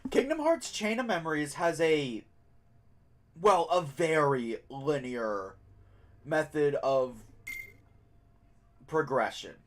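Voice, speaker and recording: A man's voice: fairly high pitch, lively intonation, slow pace, pauses often. A man giving casual live let's play commentary as a game streamer, chatting as he goes.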